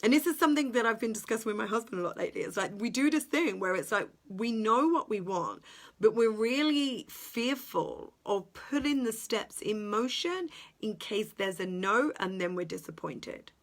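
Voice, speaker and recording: A woman's voice: a little high, lively intonation, normal speed. A woman speaking as a self-development coach in a motivational podcast monologue, earnest and emphatic, with repeated phrasing and the odd drop into a whisper.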